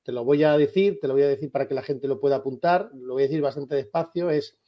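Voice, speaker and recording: A man, a lawyer for an association, answers interview questions in a firm, emphatic, insistent way with a husky voice. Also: mid-range voice, quick pace, highs cut off. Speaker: lawyer for a civil rights association.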